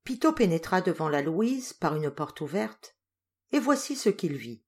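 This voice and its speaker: A woman narrating a literary audiobook in a steady, expressive storytelling voice. Her pitch sits slightly low and her reading stays measured. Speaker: audiobook reader.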